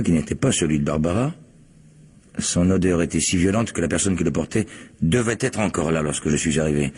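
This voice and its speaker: In a French radio crime drama, a man voices a proud yet modest physicist, an estranged husband who answers questions in a measured, hesitant way while recollecting. His voice is low and slightly mellow, with a breathy edge.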